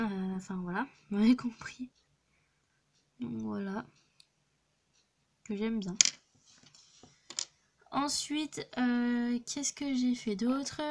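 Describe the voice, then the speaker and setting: A woman's voice: a little high, background noise. Hesitant young girl showing her crafts. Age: young teen. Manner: hesitant, many fillers and restarts. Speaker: craft vlogger. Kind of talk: casual show-and-tell narration. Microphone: phone.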